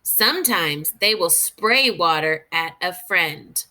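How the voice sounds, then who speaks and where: Speaking on the low side, a woman teacher reads nonfiction to young children expressively and unhurriedly, pausing to think aloud for them.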